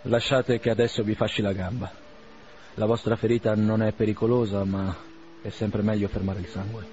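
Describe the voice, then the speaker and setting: A man's voice: on the low side, flat delivery, normal speed, mellow, lightly acted. A man voicing a blunt, sardonic young doctor who speaks in a dry, matter-of-fact way, on a muffled lo-fi recording.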